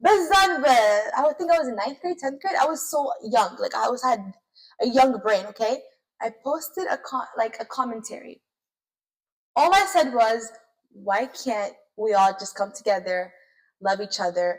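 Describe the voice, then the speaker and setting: A young woman co-hosting a casual chat and telling a story in an animated, emphatic way. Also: a little high, moderate pace, poor audio. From United States. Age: young adult. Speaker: co-host.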